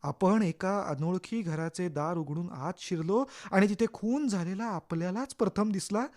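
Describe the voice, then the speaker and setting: A man narrating a thriller audio story in the second person, shifting between hushed tension and urgent outbursts. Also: sits high, a little slow.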